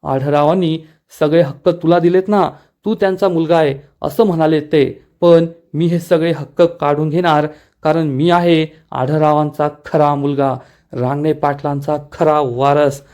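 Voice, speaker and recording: Guy reading as an angry young heir, mellow voice, plain read. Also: fairly high pitch, steady tone, a little slow, close to an everyday voice. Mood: angry, threatening. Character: angry young man claiming his inheritance.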